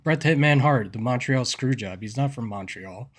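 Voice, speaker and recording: Man, podcast co-host, casual chat, rambling and hesitant, mid-pitched voice. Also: moderate pace. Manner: rambling, hesitant, many fillers and restarts.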